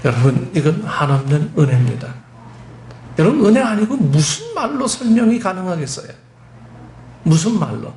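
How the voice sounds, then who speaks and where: A male pastor preaches emphatically, questioning his congregation often. His voice sits a little high for a man. The sermon rings with the roomy echo of a church. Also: big pitch swings, normal speed, a little mellow, slight background noise.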